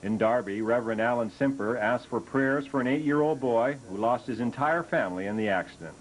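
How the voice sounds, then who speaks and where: Male news anchor, mid-pitched voice, measured formal reading. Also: slight background noise, poor audio. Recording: off-air 1980s TV tape.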